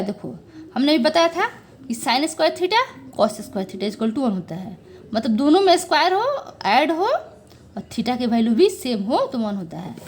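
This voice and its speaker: A woman's voice: high voice, a little hiss or hum. A young woman maths teacher explaining step by step, talking to her students as children and checking they follow along. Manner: coaxing, checks understanding with frequent "okay"; addresses viewers as children.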